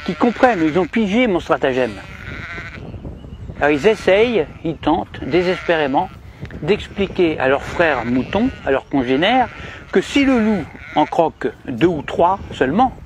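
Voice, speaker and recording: A man from DR Congo playing a smug, cunning shepherd in a mock-cheerful satirical monologue with sly, emphatic pitch swings. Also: a little hiss or hum. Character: cunning, smug male shepherd boasting of control.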